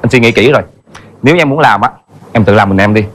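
An actor playing an exhausted, overworked singer husband who complains in a stage comedy sketch. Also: male voice, on the low side, fast talker, close to an everyday voice. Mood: complaining. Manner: whiny, complaining. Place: television studio stage.

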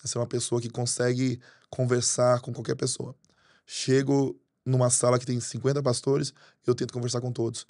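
A man in his thirties from Brazil, a pastor telling stories in a podcast interview, quick and animated, at a desk microphone in a studio. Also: medium pitch, no room sound. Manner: fast storytelling, animated hand gestures. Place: studio with green curtains. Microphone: desk mic on arm.

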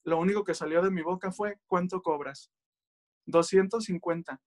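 A man tells his religious testimony in an earnest, heartfelt way. His voice sits high for a man. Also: normal speed. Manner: earnest, addresses listeners as brothers. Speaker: speaker giving testimony.

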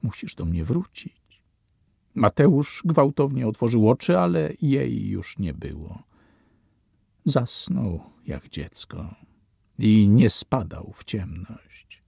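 A man narrating an audiobook in a slow, measured reading. His voice is low, dark and gravelly, with a husky edge. The sound is close and dry. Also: animated, no echo. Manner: slow, measured reading with falling, quiet endings. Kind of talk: scripted narration.

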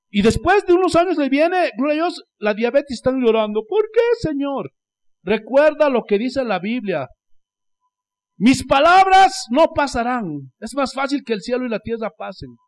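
A Bolivian pastor preaching in a high, tenor-range voice. His pitch leaps and falls widely as he swings from loud exclamations down to near-whispered asides. He keeps coming back to a repeated refrain of praise. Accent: Bolivian Spanish. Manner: repeats "Gloria a Dios" as a refrain. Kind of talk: sermon.

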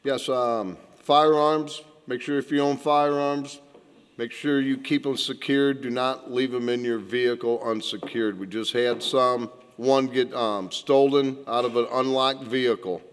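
A middle-aged man delivers a council member's report in a plainspoken way, repeating key points for emphasis. His pitch sits mid-range for a man. The sound carries a long reverb from the council chamber. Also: fairly even intonation, measured pace, clear, resonant tone. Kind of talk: meeting report. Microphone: desk gooseneck mic.

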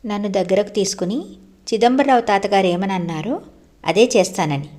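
A gentle young girl from a storybook, speaking in a soft, slow, consoling way, as a woman narrator puts her on. Her voice sits at an ordinary middle pitch and stays tender and patient with the children she comforts. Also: close to an everyday voice.

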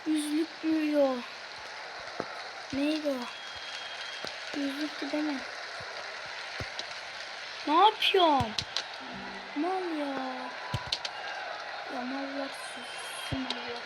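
A young woman casually commenting on her own football video game play, now and then shouting at the game as it happens. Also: sits high, fairly even intonation, takes it slowly, pauses often, crowd noise, background noise. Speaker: gaming video host.

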